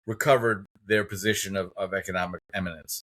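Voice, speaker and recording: A man in his fifties from the United States hosts an interview podcast, telling stories in an emphatic, opinionated way during conversation. His voice sits low with a steady tone and is brisk and a bit bright.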